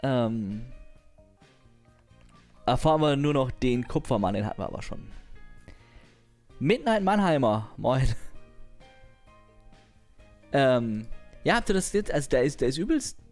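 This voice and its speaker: A man's voice: medium pitch, a little mellow. A young man chatting casually on a livestream, rambling in slangy, crude language and laughing often.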